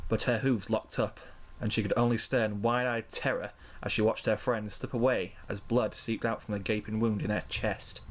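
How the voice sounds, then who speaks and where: Low-ish guy reading fanfic aloud, slow and measured storytelling. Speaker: fanfiction reader. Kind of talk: storybook narration.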